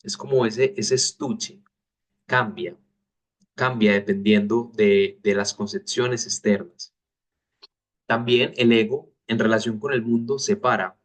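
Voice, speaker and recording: A man teaching a spiritual master class, explaining ideas in a measured, deliberate way. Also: fairly low pitch, steady tone.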